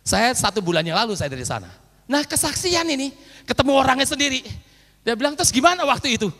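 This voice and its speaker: Brief: lively male pastor, storytelling sermon, sharp bright tone, long hall echo on old tape. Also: extremely high pitch, fast talker, gravelly. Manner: animated, acts out quotes, sudden shouts. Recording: echoey old church hall recording.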